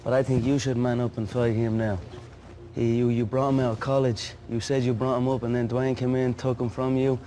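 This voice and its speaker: Goading man trash-talking, medium pitch. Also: level tone, brisk, warm tone, slight background noise.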